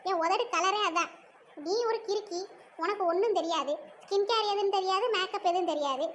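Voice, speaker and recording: A vain, bossy cartoon big sister snipes at her younger sibling in a very high, rapid voice, voiced by a woman. Her tone is haughty and quarrelsome, and a faint hiss runs underneath. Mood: bickering. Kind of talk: cartoon voice acting.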